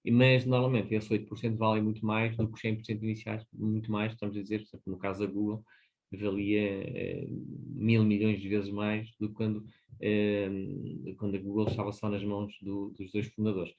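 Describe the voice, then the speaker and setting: A man's voice: lowish voice, little pitch movement, fairly quick, a little mellow. A man in his fifties with a European Portuguese accent, giving a hesitant, explanatory webinar presentation over a video call. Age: 50s. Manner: explanatory, hesitant, often adds tag questions. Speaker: webinar presenter on business financing. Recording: dull lo-fi webinar audio.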